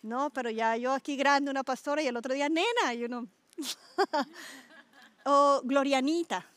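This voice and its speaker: Lively woman pastor. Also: high-pitched, unhurried. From Colombia. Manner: animated, asks listeners questions, stretches words for emphasis. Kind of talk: conversational sermon to a small group.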